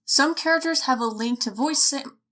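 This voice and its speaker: Reading a casting-call announcement from a script, a woman voices it with foul-mouthed, self-mocking humor, tripping over her lines often enough to produce blooper outtakes. She speaks at a moderate pace in a high-pitched, fairly bright voice.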